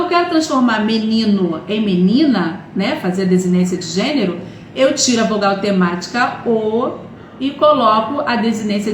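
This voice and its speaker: Patient woman teacher in an echoey room. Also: a little high. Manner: patient, repetitive explaining with many "né?" and "tá?" checks. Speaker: Portuguese teacher. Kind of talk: online grammar lesson. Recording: echoey room with faint noise.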